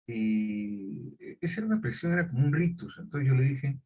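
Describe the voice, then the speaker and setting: Husky chatty male teacher. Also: medium pitch, lively intonation, normal speed, warm tone. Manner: chatty storyteller, self-correcting, laughs mid-story. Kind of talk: conversational online class.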